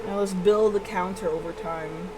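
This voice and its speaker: Speaking at a normal speed with fairly even intonation, this livestream host has a lowish voice as she chats casually with viewers over a game and thinks aloud in halting bits. Background music runs under the poor-quality audio.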